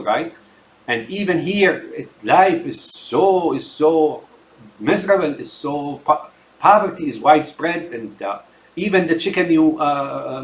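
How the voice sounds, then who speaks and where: Older Syrian-born man in his sixties, casual political rant, rambling with lots of uhs and "right?", mid-pitched, roomy echo. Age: 60s. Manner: rambling, heavy filler words, repeated tag questions. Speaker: political commentator.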